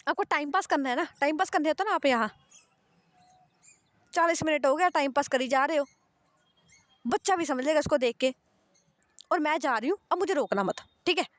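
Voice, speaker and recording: A woman's voice: high voice, moderate pace, long pauses, dry recording, lightly acted. A woman voicing a hot-tempered young female employee who scolds her boss, repeating herself in exasperation. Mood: angry scolding.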